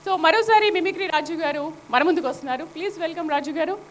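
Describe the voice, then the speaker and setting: A woman's voice: very high voice, a little fast, a little hiss or hum. A woman anchoring a company event, introducing speakers and mixing English into her talk. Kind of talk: emceeing an event.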